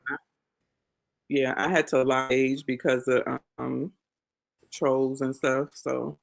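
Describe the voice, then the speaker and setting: Gravelly, low-voiced American woman chatting. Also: flat delivery, takes it slowly, a crowd in the background. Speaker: guest caller. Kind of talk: casual chat.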